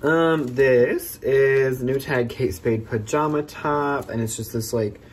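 A man's voice: mid-range voice, fairly even intonation, takes it slowly, slight background noise. A man in his twenties with an American accent, co-hosting in casual chat and speaking toothless, without his teeth in. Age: 20s. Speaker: co-host. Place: small plain room indoors.

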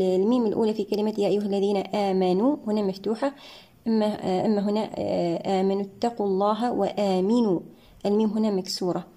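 A woman's voice: mid-range voice, warm tone. Methodical woman teaching Quran recitation. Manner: methodical, pauses with frequent "ah" fillers; chants verses slowly and drawn out. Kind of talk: tajweed lesson explaining recitation rules.

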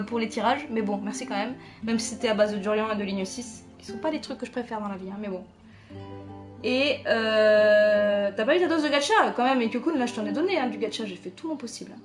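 Woman streamer, slightly high voice, loose chatty delivery, faint game music behind. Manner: chatty, chuckling, reads chat aloud. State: tired, late at night. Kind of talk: casual live-stream chat.

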